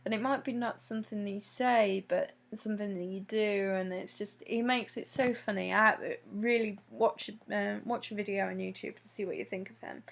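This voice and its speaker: A woman chatting casually on her vlog, answering questions with lots of ums and pauses. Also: mid-range voice, vocal fry. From Britain. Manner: hesitant, many ums, laughs between answers. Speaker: vlogger.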